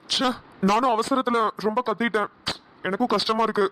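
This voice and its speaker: A woman's voice: a little high, steady tone, a bit bright, dry recording, natural voice. A woman voicing a brash, hot-tempered young guy. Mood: sulky. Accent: Namakkal Tamil.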